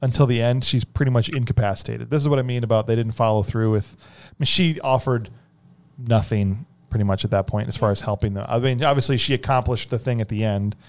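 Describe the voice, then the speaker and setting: Guy hosting a movie chat, mid pitched voice, jokey and conversational. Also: fairly quick, a little mellow. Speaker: podcast host. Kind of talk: casual movie discussion.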